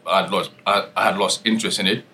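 A Nepali man in his forties, who owns a restaurant and plays music, tells his life story in a loose, rambling interview chat in London, full of fillers. He speaks quickly in a low, steady, sharp-edged voice, with slight hiss or hum in the recording.

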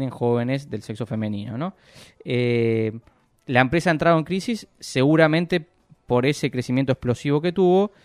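A man talks through business news in a measured, explanatory way, often pausing and restarting his sentences. His voice sits at an ordinary middle pitch, recorded close and dry with no room sound. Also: clean tone, no echo. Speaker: economic analyst guest. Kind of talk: radio interview commentary.

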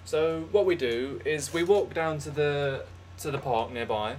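A man's voice: on the high side, measured pace. A young man co-hosting a casual comedy podcast, spinning absurd bits with a straight face. He stumbles and restarts as he goes, over a faint hiss of background noise. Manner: deadpan absurd storytelling, restarts. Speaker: podcast co-host.

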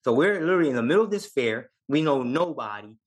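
A man's voice: medium pitch, animated, fast talker, husky. Podcast guest: New York Puerto Rican man, casual storyteller, laughs a lot, street slang. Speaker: podcast guest, Navy veteran.

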